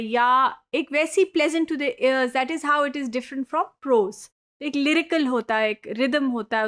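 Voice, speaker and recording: High-voiced woman teaching an online course. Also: fairly bright tone. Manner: explanatory, mixes English terms into Urdu-Hindi speech. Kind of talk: recorded lecture.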